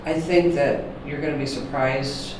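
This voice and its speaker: A man's voice: a little high, fairly even intonation, unhurried. A man investigating on location, talking in an easygoing, reassuring way. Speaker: paranormal investigator. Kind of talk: on-location casual conversation. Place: indoor theater rooms. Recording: echoey room, distant mic, noisy.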